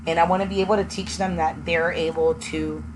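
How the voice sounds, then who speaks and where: A young woman raised in Texas, a native Spanish speaker, earnestly shares her personal story as an education student, pausing often with ums. Her voice is lowish with fairly even intonation. The recording is noisy, with vehicles passing by.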